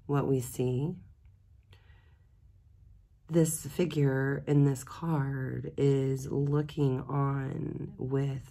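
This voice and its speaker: Hoarse woman giving a tarot reading. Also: low voice, warm tone. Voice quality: gravelly, husky voice. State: losing her voice, hoarse. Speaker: tarot reader. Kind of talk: daily tarot reading monologue.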